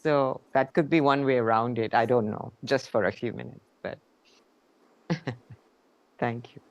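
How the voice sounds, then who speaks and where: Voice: medium pitch, unhurried, no echo, dull audio. A meditation session participant giving casual feedback in a tentative, hesitant way.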